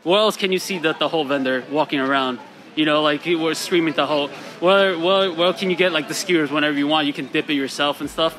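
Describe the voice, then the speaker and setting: A man's voice: on the high side, a little fast. A man speaking through a face mask, a food vendor chatting casually in an interview with fillers. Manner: relaxed, conversational, with filler words.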